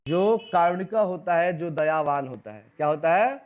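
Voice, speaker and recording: High pitched bihari guy teaching exam prep in a classroom, keeps asking the class and repeating answers, phone-quality audio. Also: expressive, moderate pace. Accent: Bihari Hindi. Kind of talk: exam-prep lesson, reading out quiz questions and options. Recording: tinny phone-like recording.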